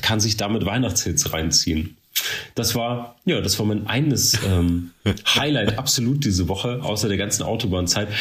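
A man's voice: fairly low pitch, a bit bright. A young man co-hosting a podcast, chatting casually and enthusiastically, with lots of slang. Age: young adult. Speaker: podcast co-host. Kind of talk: casual chat.

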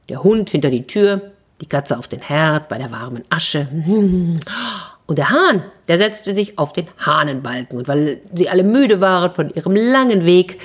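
A woman narrating a fairy tale for children in a lively, chatty way with little asides. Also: deep voice, normal speed, breathy edge. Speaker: storyteller.

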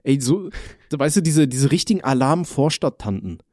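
A man's voice: on the high side, lively intonation, normal speed, a little mellow, dry recording, clean studio sound. A man telling rambling stories in casual chat as a podcast co-host, full of slang. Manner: rambling slangy storytelling, says "Alter" often.

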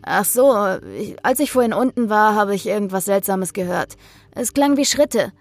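A woman's voice: medium pitch, normal speed, soft background music, close to an everyday voice. A woman doing a nervous cameraman. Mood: uneasy. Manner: uneasy, hissing, curt. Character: young male cameraman, nervous and blunt.

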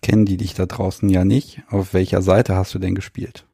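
Low, gravelly male podcast host. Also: level tone, a little fast, warm tone, dry recording, studio quality. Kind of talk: casual podcast hosting. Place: guest's living room.

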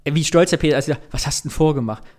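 A man's voice: fairly high pitch, fast talker, a little mellow. A man co-hosting a casual film podcast who leads the segments and argues his reading of the scenes. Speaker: podcast co-host. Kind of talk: casual film-discussion chat.

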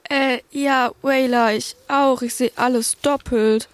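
A woman's voice: sits high, fairly even intonation, takes it slowly, dry recording. A girl playing a scornful sidekick bully in a children's radio play. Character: slow sidekick bully kid.

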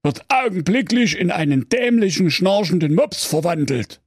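A man's voice: sits high, lively intonation, moderate pace, husky, no room sound, studio quality, voice pushed up. A man voicing a chummy, know-it-all talking cola machine that gives a warning.

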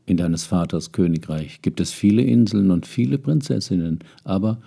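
A man voicing a sly magician in a tailcoat, speaking calmly and knowingly. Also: low-pitched, moderate pace, gravelly, breathy edge, exaggerated voice.

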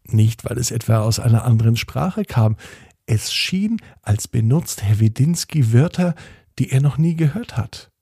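A man hosting and narrating a bedtime story in a soothing, expressive way. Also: medium pitch, unhurried, creaky, slightly rough, dry recording, studio quality.

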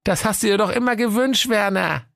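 A man's voice: sits high, brisk, creaky, fairly bright tone, no room sound, clean studio sound, voice pushed up. A man voicing a cheerful, coaxing wife. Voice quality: bubbly, coaxing. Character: cheerful chatty wife, middle-aged woman.

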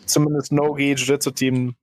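A man co-hosting a podcast in casual chat, with deadpan joking. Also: mid-range voice, normal speed, a little hiss or hum. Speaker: podcast co-host.

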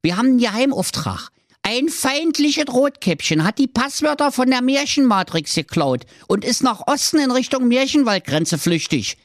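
A man voicing a squeaky, bossy male dwarf commander who gives hurried orders in a radio comedy story. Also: big pitch swings, dry recording, studio quality, full character voice. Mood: commanding.

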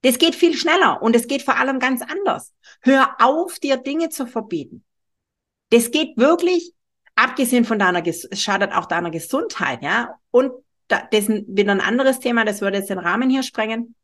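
A woman's voice: fairly high pitch, expressive, moderate pace, a bit bright. A middle-aged woman hosting a podcast, talking straight to the listener in an emphatic, strict way with a frequent questioning "ja?". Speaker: podcast host, weight-loss coach. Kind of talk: monologue podcast, direct address. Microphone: studio microphone.

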